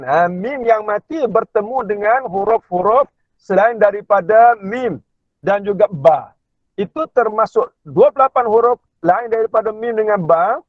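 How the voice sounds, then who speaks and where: A man with a Malaysian Malay accent teaching a Quran recitation class online from inside a car. He keeps checking in with his listeners and slowly drawls out recited words as examples. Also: sits high, no echo. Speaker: religious teacher. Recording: tinny phone-line audio, dry.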